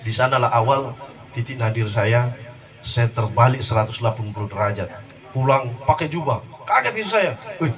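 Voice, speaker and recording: A man preaching to a gathering, telling his story in a lively, jokey way and acting out the people in it. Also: medium pitch, moderate pace, far from the mic, highs cut off. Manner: lively, jokey, acts out quoted voices. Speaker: guest preacher. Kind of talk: humorous sermon storytelling. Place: religious gathering before an audience. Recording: live audience noise audible.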